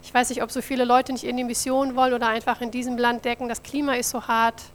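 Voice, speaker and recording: A woman's voice: fairly high pitch, level tone, fast, a little hiss or hum. A woman from Germany, a mission office coordinator, giving a friendly church presentation about her work and talking directly to the audience. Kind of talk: church mission report with slides.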